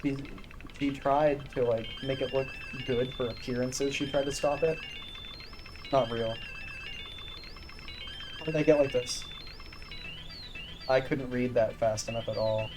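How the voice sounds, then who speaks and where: A man streaming a visual novel, reacting with excited, profanity-laced rambling. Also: medium pitch, unhurried, long pauses, over music, rough recording. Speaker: gaming streamer.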